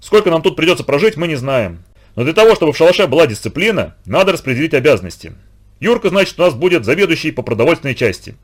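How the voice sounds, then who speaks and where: A man voicing a kind, steady grown man who looks after children, speaking calmly. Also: a little high, quick pace, husky, voice pushed up. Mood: matter-of-fact.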